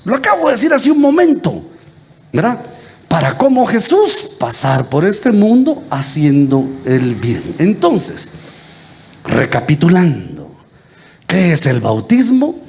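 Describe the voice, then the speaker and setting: A man's voice: high-pitched, darkish tone. A Guatemalan priest giving a homily, teasing his congregation and quizzing them with the same question again and again. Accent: Guatemalan Spanish. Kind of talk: lively interactive homily. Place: church.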